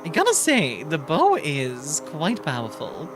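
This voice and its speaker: A woman's voice: low voice, huge pitch swings, a little slow. A young woman streaming a video game, chatting casually and rambling with fillers and laughs. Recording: game music playing behind.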